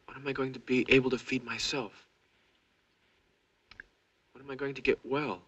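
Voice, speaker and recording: An actor playing a young soldier's halting, stammering inner monologue that swings between hushed dread and panic. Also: male voice, medium pitch, level tone, breathy edge, lo-fi sound. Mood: uneasy. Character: young male soldier, maimed, trapped and frightened. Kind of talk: film voice-over inner monologue.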